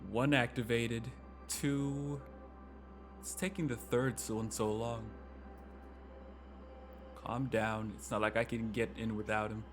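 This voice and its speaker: A man's voice: medium pitch, level tone, slow pace, pauses often. A man streaming a game playthrough, chatting casually, swearing and joking as he reacts to the story. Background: game music.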